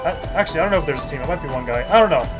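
A man giving excitable, swearing commentary while playing a video game, game music behind him. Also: on the high side, very fast. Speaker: gaming video creator.

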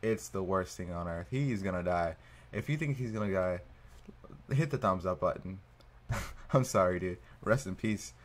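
A man's voice: low voice, moderate pace. A man hosting a reaction video, casually commenting with swearing, laughter and disbelief.

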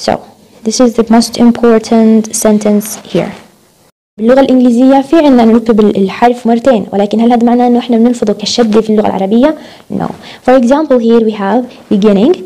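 Mellow-voiced woman lecturing. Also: fairly high pitch, fairly even intonation, fast talker, rough recording. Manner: mixes Arabic and English, repeats key words. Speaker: university lecturer. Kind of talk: recorded lecture explaining phonetics.

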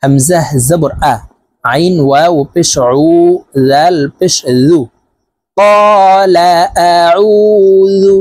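A man teaching Quran reading, spelling words out letter by letter and reciting verses in a slow, drawn-out chant. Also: a little high, steady tone, darkish tone. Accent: Bangladeshi Bengali.

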